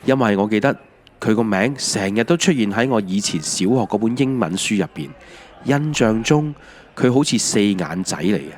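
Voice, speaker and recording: The narrator of this scripted autobiographical audio drama is a Hong Kong-accented man whose lowish voice is expressive at a normal speed. His storytelling feels reflective and wry, with background music underneath.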